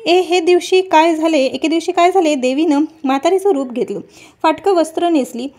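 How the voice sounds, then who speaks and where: A woman narrating a devotional folk tale in a steady, measured storytelling manner. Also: high voice.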